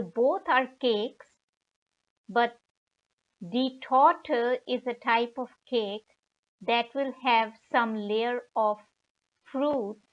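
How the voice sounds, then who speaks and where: A woman teaching German vocabulary in a tutorial, pausing often and sounding out each German word with care. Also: fairly high pitch. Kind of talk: slow, deliberate tutorial explanation. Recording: slightly dull lo-fi recording.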